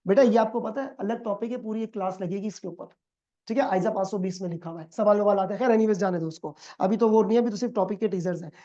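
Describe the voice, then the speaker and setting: A man's voice: high voice, fast, mellow, lo-fi sound. A man teaching an accounting class, quizzing students and acting out dialogues in a lecture.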